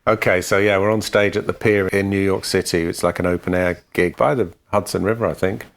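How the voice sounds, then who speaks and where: Deep voiced guy on a podcast, dry matter of fact storyteller. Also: fairly even intonation, a little fast, gravelly. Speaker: podcast co-host and musician. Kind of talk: casual storytelling chat.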